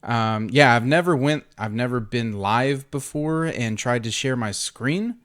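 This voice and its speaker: Clear-voiced man making a casual giveaway announcement. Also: medium pitch, a little slow, a bit bright. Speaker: host of an online trading group.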